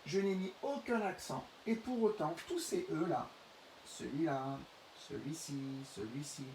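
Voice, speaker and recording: A middle-aged male teacher giving a reading lesson to young pupils, speaking slowly and carefully and stretching out the example words. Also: on the high side, lively intonation, darkish tone. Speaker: primary school teacher. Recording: roomy, distant mic, faint hiss.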